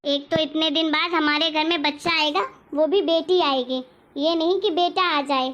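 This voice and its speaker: A woman's voice: sits high, fairly even intonation, normal speed, fairly bright tone, dull audio. A woman doing a complaining old grandmother. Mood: indignant. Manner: complaining, self-pitying.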